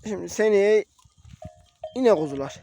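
A young man with a voice hoarse from a cold, chatting casually to viewers from a mountain pasture. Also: sits high, animated, unhurried, mellow, faint music behind. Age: young adult. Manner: talks to viewers as friends, calls to his animals. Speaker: shepherd vlogger. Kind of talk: casual vlog narration outdoors. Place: mountain pasture outdoors, wind.

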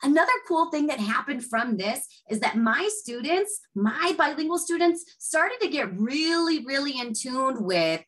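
A woman's voice: high voice, animated, unhurried, few pauses, a bit bright, rough recording. Enthusiastic sounding woman presenter. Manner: chatty, enthusiastic storytelling. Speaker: teacher and webinar presenter. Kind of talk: webinar presentation with anecdotes.

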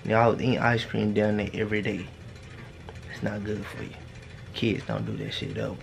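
A man's voice: fairly low pitch, steady tone, brisk, vocal fry. A young man vlogging casually to a handheld camera, joking and swearing in and out of doors. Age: young adult. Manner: joking, profane, talks to camera and to his dog. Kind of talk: casual vlog chat. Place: backyard and a small shed room, in and out of doors. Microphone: handheld camera at arm's length.

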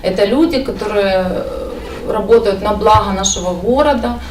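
A woman representing a party, answering press questions in a steady, explanatory way with some hesitations. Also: medium pitch, moderate pace. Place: indoor press conference room. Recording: echoey room from far off, faint noise.

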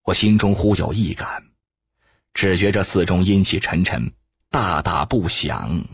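A man's voice: low voice, measured pace, breathy edge, no room sound, exaggerated voice. A man doing a grave, wary warrior monk.

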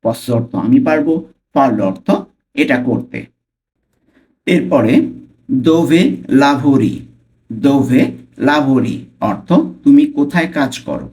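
Man slowly teaching Italian phrases. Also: mid-range voice, a little mellow. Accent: Bangladeshi. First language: Bengali. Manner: slow, careful repetition of phrases. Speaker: language teacher. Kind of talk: Italian lesson for Bengali speakers.

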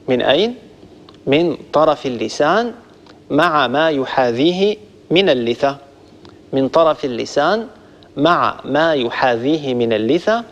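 A man teaching Quran recitation, patiently explaining each point step by step and slowly demonstrating the sounds to a group of listeners. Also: on the high side. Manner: addresses listeners warmly as a group. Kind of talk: instructional lesson on pronunciation. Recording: long reverb, dull lo-fi sound.

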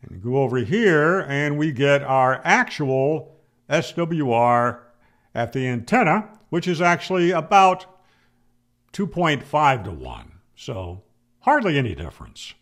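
Speaking at a measured pace with a fairly bright, sing-song mid-range voice, this amateur radio instructor and host, a man in his 60s or 70s, gives a plain, emphatic tutorial and answers his own questions. The setting is a room at home, recorded close on a boom-arm studio mic.

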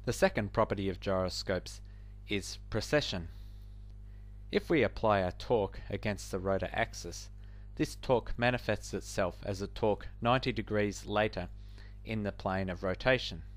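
A man with a lowish voice explains cockpit instruments in scripted narration. His delivery is measured and explanatory, like a flight instructor walking through a lesson.

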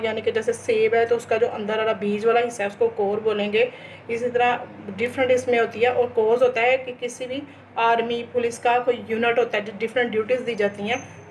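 A woman teacher gives a recorded lesson in a fairly high voice. She reads example sentences slowly and deliberately, then explains them patiently with small hesitations. A faint ambient hiss sits under her voice. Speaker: English teacher. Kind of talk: recorded class lecture.

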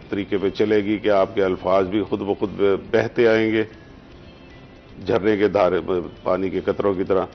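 A man, an author, speaking in a measured, formal literary way with frequent halting restarts on a TV talk show. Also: on the low side, muffled recording. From Pakistan. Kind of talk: conversational interview.

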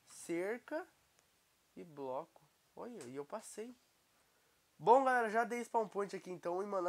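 A young man with a Brazilian Portuguese accent, commenting casually and excitably on his gameplay while he has a cold. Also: high-pitched. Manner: excitable, exclaiming at the screen. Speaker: gaming YouTuber.

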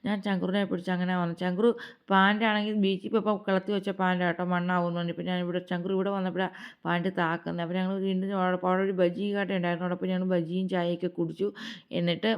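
A woman's voice: fairly low pitch, level tone, rapid-fire, smooth. A young woman narrating a family vlog as a casual voice-over, rambling and chatty. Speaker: family vlogger. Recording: slightly dull lo-fi recording.

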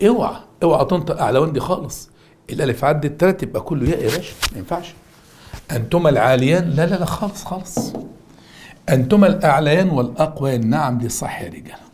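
A man's voice: on the high side, lively intonation, racing, a little mellow, a little hiss or hum. A middle-aged man with an Egyptian Arabic accent, teaching an exam-prep grammar lesson in an emphatic, repetitive drilling manner. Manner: emphatic, repeats words and drills students.

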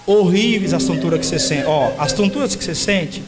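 A man's voice: high-pitched, brisk, low-quality recording. A man preaching and prophesying at a church service, urgent and commanding as he directs people. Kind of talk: charismatic church ministry. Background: music playing.

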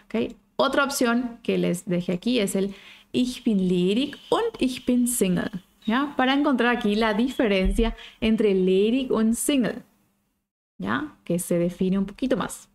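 A woman's voice: on the high side, darkish tone. Patient woman teaching a language online. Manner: checks in constantly with short tag questions; slows down to model pronunciations.

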